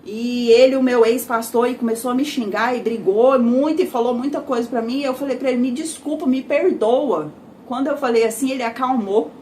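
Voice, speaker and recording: Brazilian woman, higher register, emotional first-person testimony, chatty fillers, faint background noise. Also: fairly even intonation, a little fast, hardly any pauses, warm tone. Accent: Brazilian Portuguese. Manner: emotional, frequent filler tags like "né" and "sabe". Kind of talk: personal testimony, conversational storytelling.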